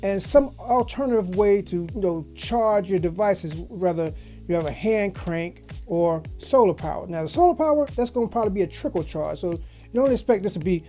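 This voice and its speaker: This video host's voice is mid-range and mellow, with lively intonation and a normal speed, and faint music plays in the background. Working from a small home office studio, she gives a casual unboxing review in a folksy, slangy manner full of repeated phrases.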